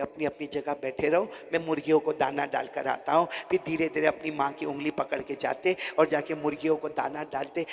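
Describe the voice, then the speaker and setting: Gravelly high-voiced preacher guy, storytelling sermon, soft then shouting, long hall echo. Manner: swings from soft murmurs to shouted peaks; addresses listeners as "my dear ones". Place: village gathering. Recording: echoey hall reverb.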